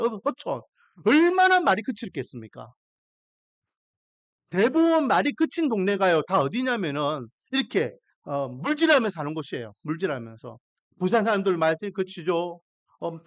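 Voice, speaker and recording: Male pastor preaching; emphatic, animated pitch, dry close sound, keeps asking the congregation questions. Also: no room sound. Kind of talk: sermon.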